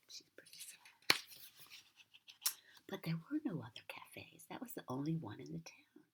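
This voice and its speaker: A sweet old lady with an American accent reads a storybook in a low, very breathy voice that often drops to a whisper. She is a gentle grandmother who pauses for chatty asides to the child, and her intonation swings freely. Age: older. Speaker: grandmother reading a children's book.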